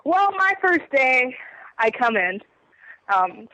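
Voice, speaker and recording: A woman's voice: sits high, very animated, slow, sharp tone, no room sound, lo-fi sound. A woman in her twenties, a wrestler being interviewed, telling a story animatedly and laughing often while under the weather. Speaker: guest wrestler.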